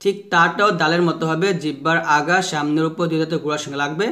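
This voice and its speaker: A man giving a patient pronunciation lesson for Quran recitation, modelling each letter sound slowly and having listeners repeat after him. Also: a little high, pushed and bright. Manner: slow drawn-out modelling of letter sounds with repetition drills; patient, repeats each point several times.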